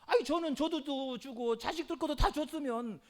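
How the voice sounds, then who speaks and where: A middle-aged male pastor preaching a sermon in an animated way, with frequent hallelujahs and rhetorical questions to the congregation. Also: very high voice, moderate pace.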